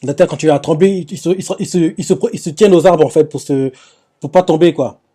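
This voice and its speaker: A man's voice: a little high, fast talker, mellow. A man recapping anime scenes live, retelling the action with lots of fillers and restarts. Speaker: anime reaction host.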